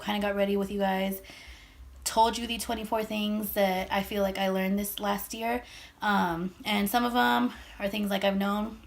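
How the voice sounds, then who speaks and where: A young woman in her mid-twenties talks casually to camera while doing her makeup in her childhood bedroom. She sounds slightly out of breath and rambles loosely, filling pauses with fillers. Her voice sits at an ordinary middle pitch for a woman. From Texas, USA. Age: 20s. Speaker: beauty vlogger. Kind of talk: get-ready-with-me vlog chat. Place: her old bedroom at home.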